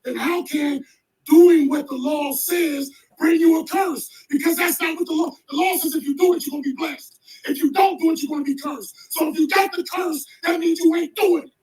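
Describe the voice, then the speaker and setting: A man's voice: very high-pitched, normal speed, a little mellow, poor audio. A man insistently arguing a scripture point in a heated debate. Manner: emphatic, insistent.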